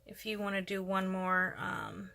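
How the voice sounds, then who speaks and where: A woman's voice: medium pitch, flat delivery, a little slow, vocal fry, bright, forceful tone. A woman hosting a casual crochet tutorial, chatting and thinking aloud as she works. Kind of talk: casual step-by-step craft tutorial.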